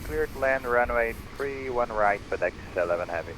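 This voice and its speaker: A man calling the tower as a virtual airline pilot, in a headset radio call heard over the frequency, using clipped radio phraseology and reading back clearances slowly and carefully. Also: mid-range voice, expressive, background noise. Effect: pilot's headset radio call, heard over the controller's frequency. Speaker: virtual airline pilot on a flight sim network.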